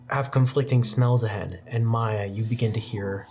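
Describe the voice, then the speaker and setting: Serving as game master for a tabletop roleplaying game, a man narrates with a mid-range voice. He sets each scene at a measured pace and softens his tone for the quieter details.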